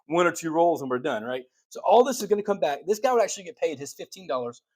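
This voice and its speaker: Male host, fairly high voice; chatty dealer-style patter while paying bets, a bit winded. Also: fast. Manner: excitable, calls rolls like a dealer, chatty asides to viewers. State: out of breath. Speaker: craps channel host demonstrating strategy. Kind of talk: casual table-game demonstration.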